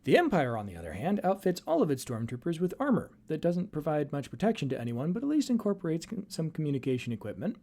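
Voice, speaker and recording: Wry man with a mellow, dark voice. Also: a little high, huge pitch swings, fast, hardly any pauses. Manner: wry, dryly sardonic asides. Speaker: host and narrator of a video series. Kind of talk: explanatory fan commentary, semi-scripted narration.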